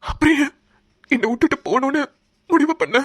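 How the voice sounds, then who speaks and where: Cartoon grandson, young man, hurt, reproachful, fast talker, raised pitch, voiced by a man. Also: big pitch swings, fairly bright tone, exaggerated voice. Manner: emotional, reproachful. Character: devoted young grown grandson, hurt and emotional.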